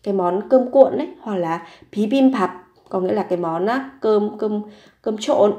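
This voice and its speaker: A warm, medium-pitched woman speaking at a moderate pace teaches Korean vocabulary. Patiently repeating words, she asks herself questions as she works through example sentences, and the recording has a roomy echo.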